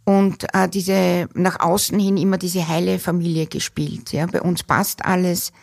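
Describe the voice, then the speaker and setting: Woman expert talking low and creaky, slow measured answers with lots of ums. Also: level tone, a little mellow. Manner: measured, pausing with fillers. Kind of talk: explanatory interview answers.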